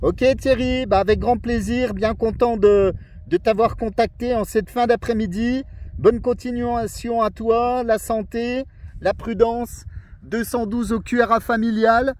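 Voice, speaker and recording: On a mobile radio out in a forest area, an amateur radio operator chats casually in a friendly, rambling and repetitive way. His voice is extremely high, with fairly even intonation, a little slow and a little mellow.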